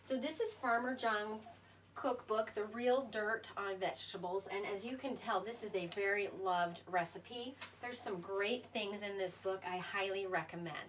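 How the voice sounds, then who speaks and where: A home cooking show host demonstrates a recipe in her kitchen indoors, chatty, folksy and playfully self-deprecating. Her mid-range voice is fairly bright and moves at a normal speed, and the home kitchen recording is noisy.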